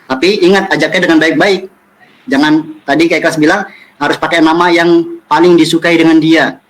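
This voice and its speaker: Lively man teaching children. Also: a little high, poor audio. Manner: lively storytelling, acts out friends' lines, recites Quran verses slowly. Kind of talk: children's religious lesson.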